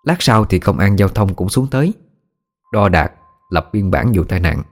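A man narrating a ghost story in a steady, plain way. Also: low voice, normal speed.

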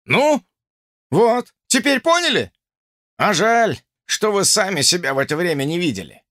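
Man voicing a stern drill officer, barking commands, bright tense voice, very lively delivery. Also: high voice, moderate pace, dry recording, clean studio sound, pitched above the performer's own voice. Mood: mocking stern. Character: stern sharp-tongued male army drill officer.

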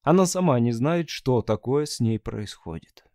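A man narrating a science-fiction audiobook in a steady, even storytelling manner. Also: mid-range voice, moderate pace, no echo, clean studio sound. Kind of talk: scripted narration.

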